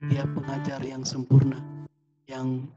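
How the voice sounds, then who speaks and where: A male pastor giving a fervent sermon at a church service streamed over a video call, rising to high pleading tones. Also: monotone, unhurried, muffled recording, over loud music.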